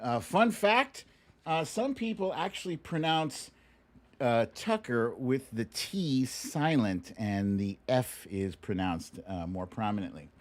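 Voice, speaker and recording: Over background music, a middle-aged man hosts a casual livestream, bantering informally with viewers, stretching words and adding asides. He speaks slowly but very animatedly, at a medium pitch.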